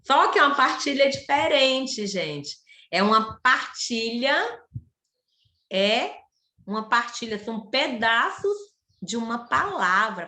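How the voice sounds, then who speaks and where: A woman teaches young children online, breaking words into syllables slowly and patiently. Her voice is bright and rises and falls a lot as she guides them. The room around her is echoey. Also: fairly high pitch. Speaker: primary school teacher. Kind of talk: online class lesson.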